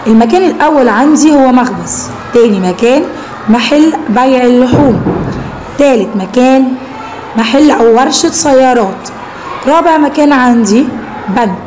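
A young woman with an Egyptian Arabic accent teaching a first-grade Arabic lesson, praising the children and drawing out each word slowly as she spells it. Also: high-pitched, a little mellow, a little hiss or hum. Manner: drawn-out slow spelling of words, encouraging praise to children.

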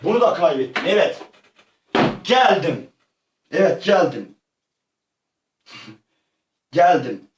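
A man acting out a comic make-believe adventure, excitable and slangy, often yelping and crying out. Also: fairly high pitch, takes it slowly, long pauses, background noise. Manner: excitable, yelps and cries out often; slangy, rough-edged street talk. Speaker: vlogger. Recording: echoey room, far from the mic.

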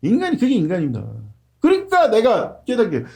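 A man's voice: extremely high pitch, huge pitch swings, fairly quick, dark tone. A man practicing a sermon, blunt and emphatic, using coarse slang and frequent rhetorical questions. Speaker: pastor.

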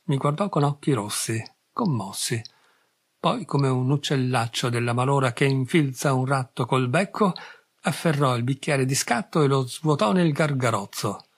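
A man narrating a literary short story in the first person in a measured reading voice. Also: medium pitch, expressive, slightly rough. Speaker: audiobook reader.

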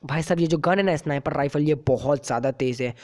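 A woman's voice: sits low, fast talker. Woman playing a brash cheeky baby gangster. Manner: excitable, chatty, exclaiming often. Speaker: gaming YouTuber. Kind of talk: comic game commentary in character.

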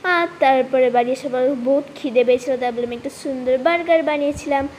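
A woman narrating her vlog in a casual way, at times talking quietly so as not to be overheard. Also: high voice, fast, slight background noise. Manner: quiet, hushed talk to keep a surprise. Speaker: vlogger. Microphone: voice-over recorded later.

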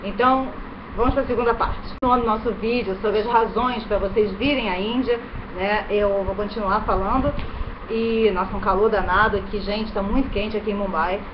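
A Brazilian vlogger in her thirties, from Rio de Janeiro and speaking with that city's accent, chats casually to her webcam in a bedroom in India. Her medium-pitched voice stays fairly even, and she gestures with her hands, often ending sentences with quick tag questions. The webcam audio is dull, with an electric fan running in the background.

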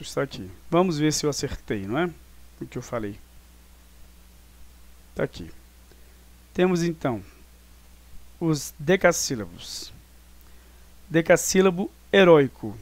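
A man's voice: fairly high pitch, animated, moderate pace, long pauses. A Brazilian man teaching a review class online, explaining step by step with many tag questions and fillers. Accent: Brazilian Portuguese.

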